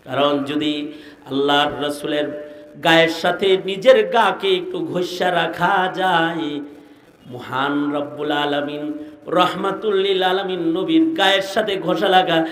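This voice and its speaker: A man preaching a sermon, moving between plain talk and long sung, shouted cadences that rise to a tearful cry. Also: a little high, roomy sound. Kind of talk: sung Bengali waz sermon.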